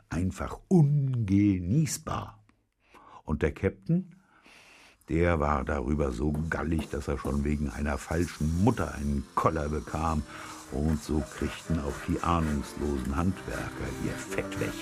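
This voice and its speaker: A man with an extremely deep, gravelly and husky voice reads a children's story aloud. He speaks slowly and lets his pitch swing widely for effect. The telling is expressive, with a dry edge. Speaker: audiobook reader.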